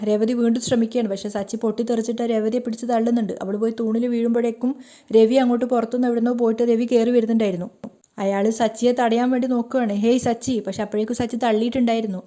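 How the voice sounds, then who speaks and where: Woman recapping a tv serial, slightly high voice, mellow and warm. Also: rapid-fire. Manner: lively retelling with quoted dialogue. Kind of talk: storytelling recap.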